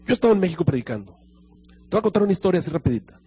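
A man's voice: very fast, husky. A man preaching a sermon, telling a story and acting out both sides of the dialogue. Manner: storytelling, acting out dialogue with lively pitch swings.

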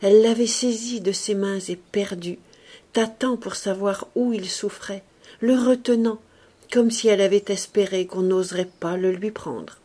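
Woman reading a novel, husky and mellow. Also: medium pitch. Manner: expressive, measured reading. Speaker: audiobook reader. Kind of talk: literary audiobook narration.

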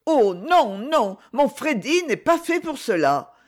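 A distraught young sister, fierce and protective, her voice pitched high and trembling, as a male reader puts her on. Her delivery swings widely and turns sharp when angered. An audiobook character. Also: big pitch swings, moderate pace. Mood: anguished.

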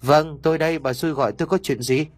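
A man's voice: fairly high pitch, fairly even intonation, fast, no room sound, voice pushed up, natural voice. A man voicing a polite, worried older mother. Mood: polite concerned. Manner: polite, concerned.

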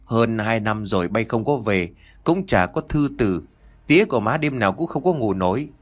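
A man with a lowish, animated voice speaks at normal speed while playing an anxious elderly country mother on the phone. The character is chatty and rambles, stammering in southern-rural speech.

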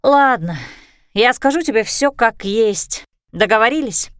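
A woman reading a storybook, voicing a chatty, excitable female dragon in a high, bubbly voice. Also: measured pace, smooth, no echo, clean studio sound. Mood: explaining.

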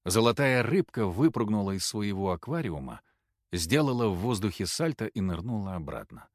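Low-voiced male audiobook narrator. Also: moderate pace, no room sound, studio quality. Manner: expressive, dramatic reading.

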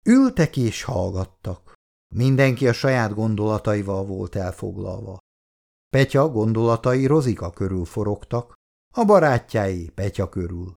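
A man reading an audiobook novel aloud in a lively, expressive scripted narration. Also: fairly low pitch, creaky.

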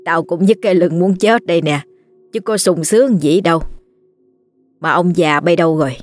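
Woman doing a gruff old village grandmother. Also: lowish voice, normal speed, no room sound, natural voice. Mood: grumbling. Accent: Southern Vietnamese. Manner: gruff, scolding. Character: bossy old grandmother, sorceress.

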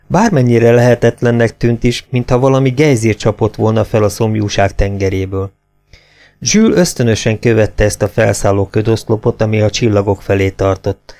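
A man reading an audiobook in a steady, measured narration. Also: on the low side.

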